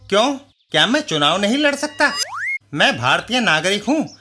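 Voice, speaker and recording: Cheeky comic-book young man, quick and boastful, high-pitched, voiced by a man. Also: very animated, over music. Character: brash cheeky young man running for votes.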